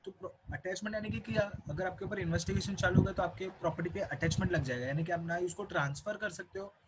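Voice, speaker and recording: A man's voice: high voice, fast, very noisy. A young man with an Indian accent explains a law to students in a recorded lecture and repeats key points often. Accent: Indian English. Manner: explanatory, repeats key points, mixes English terms into Hindi. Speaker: teacher.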